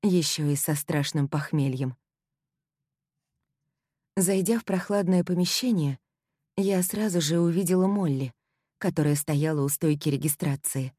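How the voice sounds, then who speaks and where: Low-voiced woman narrating a novel. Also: measured pace, long pauses, dark tone, breathy edge, dry recording, studio quality. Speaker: audiobook narrator. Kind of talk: first-person novel narration.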